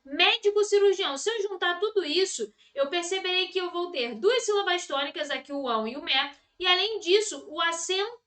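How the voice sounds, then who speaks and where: A woman's voice: very high-pitched, animated, fairly quick, hardly any pauses, bright, forceful tone. A Brazilian woman teaching an exam-prep grammar lesson, repeating key words and checking in with her students.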